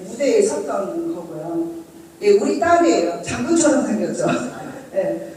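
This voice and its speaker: A woman's voice: fairly high pitch, warm tone, very echoey, far from the mic, slight background noise, poor audio. A middle-aged woman reading from her parenting diary and chatting with an audience, asking them questions. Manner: reads diary entries aloud, then chats with listeners, asking them questions. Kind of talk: storytelling talk to an audience.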